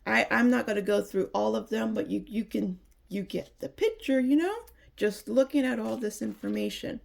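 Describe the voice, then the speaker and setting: Woman reviewer, gravelly and a little nasal, chatty and excited, stumbles and restarts. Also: medium pitch, normal speed. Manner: chatty, enthusiastic, restarts often. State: nasal from allergies. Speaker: Bible reviewer. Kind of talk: casual product review.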